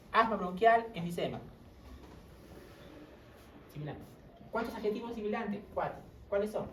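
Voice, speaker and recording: A woman gives a medical lecture and keeps checking in with her students through short tag questions. She is picked up from some distance in a reverberant classroom. A faint background hum runs under her voice. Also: fairly low pitch. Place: lecture room. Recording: roomy classroom audio from far off.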